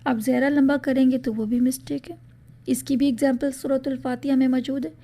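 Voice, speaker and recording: In a podcast lesson on tajweed, a woman patiently explains the rules of Quran recitation, slowly reciting example words and slipping English words into her speech. Her voice is high-pitched with a dark tone and little pitch movement.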